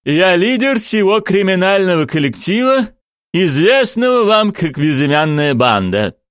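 A man's voice: sits high, big pitch swings, a little slow, fairly bright tone, dry recording, studio quality, pitched above the performer's own voice, full character voice. A male narrator voicing a vain, pompous stage actor who declaims every line theatrically. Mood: grandiose.

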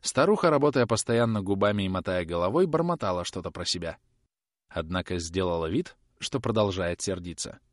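A man's voice: deep voice, fairly quick, dry recording, clean studio sound. A man narrating a classic novel as an audiobook, telling the story expressively.

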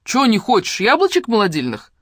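A reader voicing a rude, scolding old village woman who shouts coarse, bossy lines at a young woman. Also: medium pitch, wildly swooping pitch, brisk, no room sound, clean studio sound, voice pushed up.

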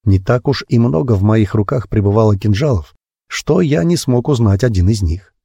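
Deep husky man narrating an audiobook. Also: lively intonation, moderate pace, mellow, no room sound. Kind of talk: first-person audiobook narration.

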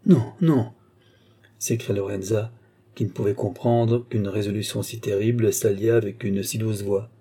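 A man narrating a classic novel as an audiobook in a steady, literary storytelling manner. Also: fairly low pitch, normal speed, slightly rough.

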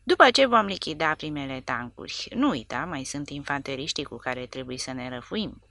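A woman reading the part of a calm, wily old sergeant in an audiobook. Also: very deep voice, no echo, studio quality, heavily acted. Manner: calm, dryly respectful.

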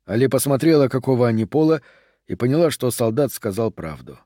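A man narrating an audiobook thriller in a measured, even reading. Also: medium pitch, no echo, clean studio sound.

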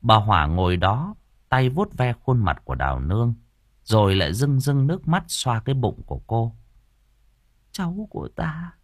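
A man narrating an audiobook story in a dramatic, animated reading. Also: lowish voice, normal speed, no echo, studio quality. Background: faint music.

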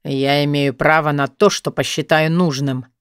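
A woman voicing a cold, domineering adult male teacher who speaks low, slow and menacing. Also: steady tone, clean tone, no echo, clean studio sound, natural voice.

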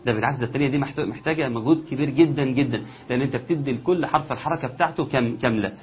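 A man with an Egyptian accent teaching Quran recitation, explaining each rule step by step and slowly chanting example verses. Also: medium pitch, a little hiss or hum. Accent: Egyptian Arabic. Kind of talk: recitation lesson. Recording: dull lo-fi sound.

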